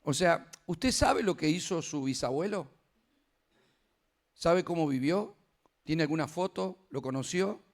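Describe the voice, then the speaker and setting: A man's voice: fairly high pitch, animated, a little slow, pauses often. An older man preaching a sermon, emphatic and returning again and again to firm refrains.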